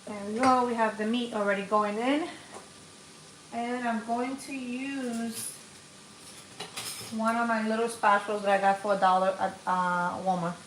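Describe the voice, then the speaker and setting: A woman's voice: on the high side, fairly even intonation, unhurried, pauses often, fairly bright tone, roomy sound, slight background noise, rough recording. A woman in her forties from the Dominican Republic, chatting to viewers as she cooks on a live stream in her home kitchen. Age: 40s. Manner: chatty, talks to viewers while cooking. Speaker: cooking channel host. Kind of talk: casual live cooking stream.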